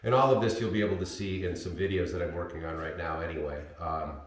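A very low-pitched man speaks through a thick, booming echo that rings around his home darkroom. He rambles and apologizes with lots of ums and uhs, picked up on the camera's built-in mic instead of a wireless mic. It sounds like a casual livestream. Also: fairly even intonation, fast talker. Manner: rambling and apologetic, many fillers. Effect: heavy booming room echo. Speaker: photographic printmaker livestreaming. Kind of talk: casual live stream chat. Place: home darkroom workspace with sink. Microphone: camera's built-in mic, wireless mic failed.

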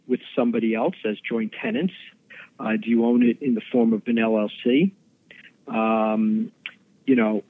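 A man, an attorney guest on a podcast, explaining legal matters quickly with many fillers and restarts. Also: mid-range voice, slightly rough, no room sound. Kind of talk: podcast interview explaining law. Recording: tinny phone-like line.

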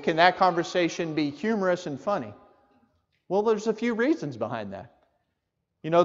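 A man preaches a sermon to his congregation. He speaks conversationally and asks the people direct questions. The sound is muffled, and a long reverb hangs in the church hall. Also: high-pitched. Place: church sanctuary.

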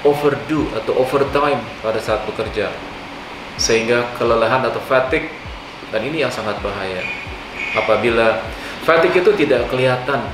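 Older male host explaining aviation incidents to camera in an animated way; recorded from across a roomy living room with a steady hum. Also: mid-range voice. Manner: animated, gesturing, mixes English aviation terms into Indonesian. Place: living room on a leather sofa, indoors. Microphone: far camera mic. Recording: echoey room, distant mic, hum.

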